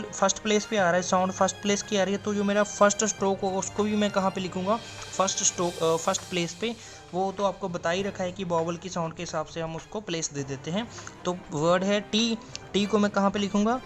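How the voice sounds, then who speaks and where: A man's voice: high voice, fairly even intonation, fairly quick, faint music behind. A man explaining a stenography lesson step by step, drawing out example words and answering his own questions. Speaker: stenography teacher. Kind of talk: classroom explanation.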